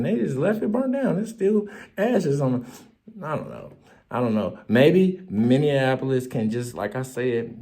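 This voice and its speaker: A man's voice: creaky, dark tone. A man hosting his own show, giving casual political commentary in a loose, joking way and laughing often. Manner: loose, joking, laughs often, swings up high when mocking. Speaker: show host.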